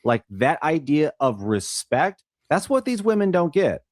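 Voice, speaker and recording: A man's voice: a little high, sing-song, unhurried, dry recording, studio quality. A man on a reaction stream giving opinionated, speculative commentary on a clip.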